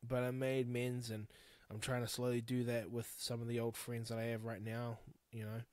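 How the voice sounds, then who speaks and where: Here a podcast host from New Zealand, in his thirties, rambles on his own in a completely flat, slightly fast delivery. The mid-range voice is darkish, there's no room sound, and he's blunt and frank, cursing freely.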